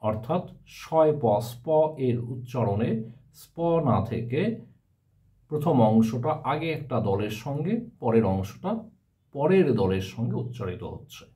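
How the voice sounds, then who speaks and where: A male teacher giving a step-by-step grammar lesson, often pausing to ask his students rhetorical questions. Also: medium pitch, lively intonation, dark tone.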